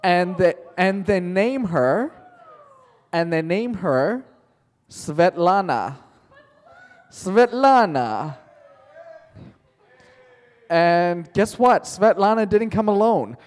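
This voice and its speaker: This animated male teacher slowly unfolds a playful, made-up story for the class, slipping in jokes and calling on students by name. His voice sits a bit high for a man and rings through the classroom with a long echo.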